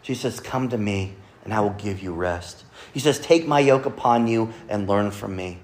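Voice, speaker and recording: A man preaching a Sunday sermon to a congregation, earnestly quoting scripture and often dropping to a soft, quiet delivery. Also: fairly low pitch, normal speed, a little hiss or hum. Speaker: pastor. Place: church service with congregation.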